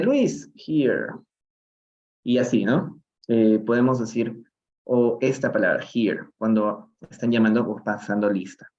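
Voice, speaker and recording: A man's voice: medium pitch, darkish tone, muffled recording. A man with a Peruvian accent teaching English in a live-streamed reading lesson, explaining phrases in Spanish and often checking in with "¿no?". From Peru. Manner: explains slowly, switching between English and Spanish, often asking "¿no?".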